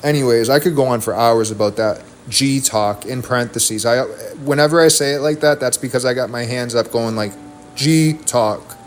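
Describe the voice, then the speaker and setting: Brief: male streamer, mid-pitched voice, angry profane rant, faint room noise behind. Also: brisk, hardly any pauses. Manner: heated, profane, rambling rant. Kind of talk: ranting stream talk.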